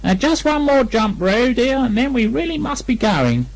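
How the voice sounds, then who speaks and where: A man voicing a motherly, polite female kangaroo who fusses gently in a children's storybook. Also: extremely high pitch, big pitch swings, moderate pace, voice pushed up, full character voice. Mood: fussy, motherly. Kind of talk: children's storybook character reading.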